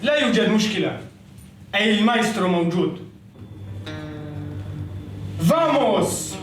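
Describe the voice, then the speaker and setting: A man's voice: sits high, animated, unhurried, over music. A man playing a pompous would-be Andalusian poet. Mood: grandiose. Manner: lofty formal speech sprinkled with Spanish greetings. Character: pompous self-styled Andalusian craftsman-poet, grandiose. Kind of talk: comedy sketch acting. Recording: echoey room, voice from off-mic.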